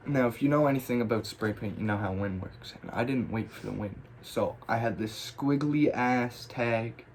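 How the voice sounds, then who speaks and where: A man's voice: mid-range voice, moderate pace, crowd noise. A man telling a personal story in casual, rambling style, with lots of swearing and restarts. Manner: profane, rambling, animated retelling. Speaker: graffiti storyteller.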